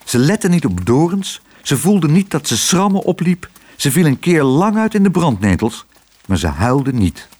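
A man reads a children's storybook aloud with lively, animated intonation, his pitch leaping up and down. His voice has a slightly husky, breathy texture. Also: normal speed. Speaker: narrator.

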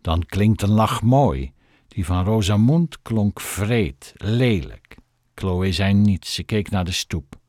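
A man's voice: lowish voice, expressive, slow, darkish tone, no echo, clean studio sound. A man reading a children's book aloud, telling the story expressively. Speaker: narrator.

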